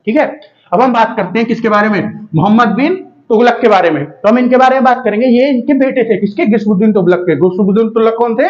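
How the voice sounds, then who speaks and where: High-voiced man teaching history. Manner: rhetorical questions answered himself, frequent checks like "theek hai". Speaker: exam coaching teacher. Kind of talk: casual Hindi history lesson. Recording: dull lo-fi recording.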